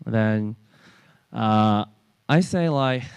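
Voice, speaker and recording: Man with a Korean accent, workshop presenter, unhurried delivery, smooth clean voice, dry close sound. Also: lowish voice, no echo, muffled recording. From South Korea. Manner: halting, many fillers and restarts. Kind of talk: technical lecture. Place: conference workshop room.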